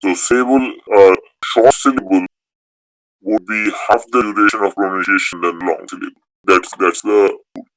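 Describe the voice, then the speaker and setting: A man's voice: low voice, steady tone, normal speed, fairly bright tone, dry recording, poor audio. A man teaching a beginners' Sanskrit class, explaining rules step by step and repeating key points. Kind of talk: online class lecture.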